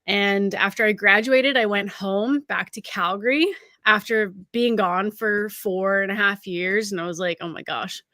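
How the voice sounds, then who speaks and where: A Canadian woman in her thirties, a college recruiting scout, chats upbeat as a guest in a casual interview, using lots of fillers. Her medium-pitched voice is unhurried with a sharp tone, recorded at studio quality with no room sound.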